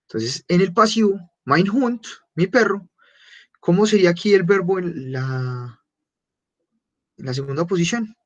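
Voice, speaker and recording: A man teaching a beginner German class, patiently repeating German phrases slowly and clearly. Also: high-pitched, animated.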